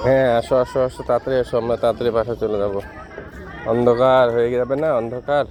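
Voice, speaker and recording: A man, chatting gently with his small child outdoors and coaxing him along with soft hums. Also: medium pitch, fairly even intonation, fast, crowd noise. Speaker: father and vlogger. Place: outdoors by a river. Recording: noisy outdoor recording.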